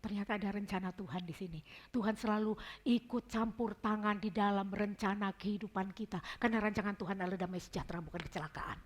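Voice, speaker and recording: A woman's voice: medium pitch, fairly even intonation, fast. A woman giving an informal devotional talk at a prayer gathering, chatty and telling personal stories as she addresses her listeners affectionately. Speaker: devotional speaker.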